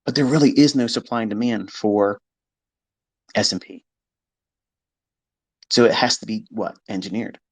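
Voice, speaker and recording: A man's voice: fairly low pitch, dry recording. A man teaching trading on a live stream, talking in a blunt, emphatic way and swearing freely. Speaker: trading educator. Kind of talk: unscripted live-stream lecture.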